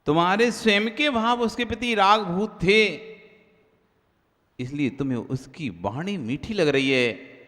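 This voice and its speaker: Bright, slow-speaking monk preaching in a hall. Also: male voice, expressive. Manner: chants scripture verses slowly, then explains with questions to the audience; acts out everyday quoted remarks in a lower voice. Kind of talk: sermon. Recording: long hall reverb.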